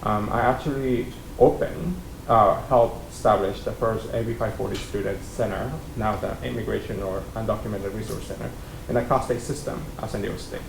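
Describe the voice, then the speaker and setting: A Mexican man in his thirties, the keynote speaker, sits on a panel and shares his personal story with college students. Talking into a desk mic on a stand, he's relaxed and conversational, gestures with his hands, uses lots of ums and uhs, and has some vocal fry. The room is echoey with a faint rumble beneath.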